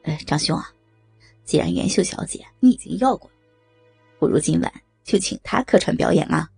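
Woman doing sleazy middle-aged boss guys, husky gravelly voice, dips low and jumps around, audio story. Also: lively intonation, a little fast, a little mellow, dry recording, soft background music, heavily acted. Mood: leering. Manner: sleazy, mocking banter. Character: leering middle-aged male businessmen.

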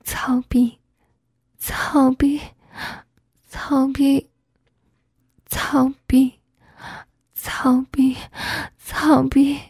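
A woman voicing an eager, wanton wife in a breathy, urgent whispered role-play. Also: high-pitched, fairly even intonation, unhurried, a little mellow, no echo, clean studio sound, exaggerated voice.

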